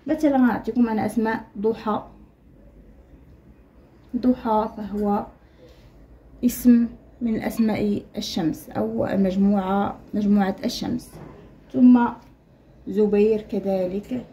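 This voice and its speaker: A woman with a Moroccan Arabic accent teaching primary school children an Arabic lesson, slowly spelling out letter sounds and mixing standard Arabic with Moroccan dialect. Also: medium pitch, fairly even intonation, dark tone, slightly rough. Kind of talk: explaining a textbook lesson to children.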